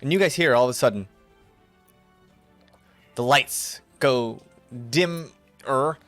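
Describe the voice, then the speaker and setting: A man narrating an improvised tabletop game as game master in a halting, casual storytelling way. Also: mid-range voice, a bit bright, no echo. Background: music.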